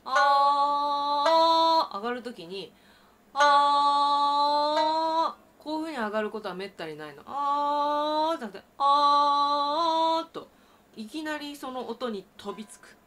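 A woman teaching traditional Japanese singing, explaining breath and voice and breaking into loud sustained sung tones. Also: mid-range voice, sing-song, fast, slight background noise. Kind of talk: vocal lesson with sung demonstrations.

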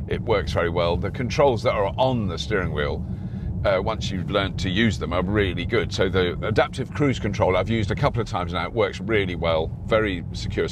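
A middle-aged man hosting a car review, talking casually while he drives, rambling and restarting his sentences. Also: sits low. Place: inside a moving car. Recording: road noise in a moving car.

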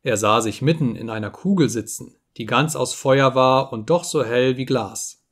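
A man reading a story aloud as an audiobook narrator, calm and measured, slowing on solemn phrases. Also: mid-range voice. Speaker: audiobook reader.

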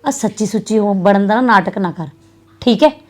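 A young woman with a Punjabi accent acting a sharp, scolding sister in a drama. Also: medium pitch. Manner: scolding and fast-talking. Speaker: actress playing a sister.

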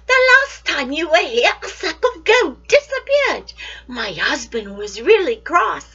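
A woman doing a shrill, scolding giant's wife. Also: sing-song, unhurried, full character voice. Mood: cross. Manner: sharp and scolding. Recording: dull lo-fi recording.

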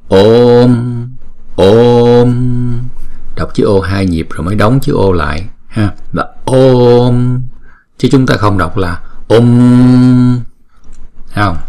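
A man teaching mantra pronunciation in a spoken lesson, patiently repeating each sound slowly to demonstrate it and chanting the full mantra in a slow, drawn-out way. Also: low-pitched.

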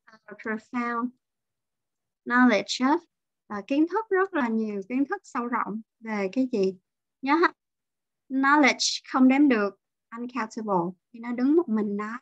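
A woman's voice: a little high, animated, measured pace, long pauses, no room sound, muffled recording. A woman teacher leading an online class, explaining vocabulary and patiently drilling pronunciation. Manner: drills pronunciation, mixes English terms into explanations.

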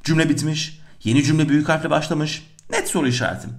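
A middle-aged man teaching a lesson on punctuation, animated, asking questions and answering them himself. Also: on the high side, fast talker. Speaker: Turkish teacher. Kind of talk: lively lesson on punctuation exercises.

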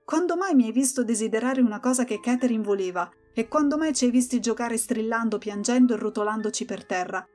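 A woman's voice: on the high side, dark tone. A woman narrating an audiobook, telling a first-person story expressively.

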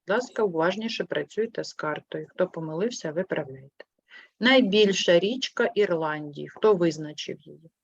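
A patient woman teaching young pupils, her voice sitting a little low and her questions clear and unhurried. The sound is close and dry, with a muffled, lo-fi edge. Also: lively intonation, no room sound. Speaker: primary school teacher. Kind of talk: online class lesson.

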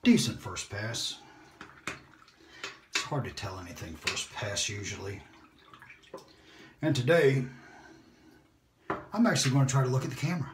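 Pausing often at a moderate pace, a shaving vlogger with a mid-range voice narrates casually, rambling, mocking himself and at times whispering. Background noise is present in this roomy home recording made with a phone or camera on a holder.

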